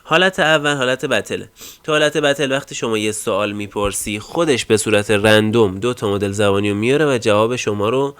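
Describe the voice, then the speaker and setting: Low smooth-voiced man explaining software. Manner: casual explanatory, many fillers, trails off at line ends. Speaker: tech tutorial host. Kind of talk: screen-recorded software tutorial.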